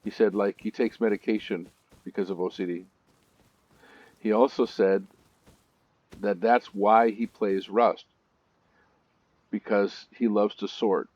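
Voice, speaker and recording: A man's voice: on the low side, steady tone, measured pace, long pauses, dry recording, highs cut off. A man hosting a let's-play gaming video, telling stories in a chatty way with nervous asides.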